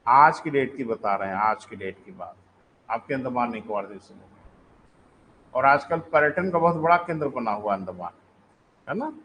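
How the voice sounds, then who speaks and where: Animated male lecturer, dictating slowly. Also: mid-range voice, slight background noise, rough recording. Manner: explains then repeats sentences slowly for dictation; addresses students as "beta", conversational asides. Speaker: teacher. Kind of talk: live online lecture.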